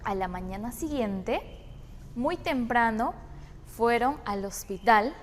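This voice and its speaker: A woman with a Peruvian Spanish accent telling a church story to children in a measured way, speaking to them directly. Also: fairly high pitch, lively intonation, a little hiss or hum. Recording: long hall reverb.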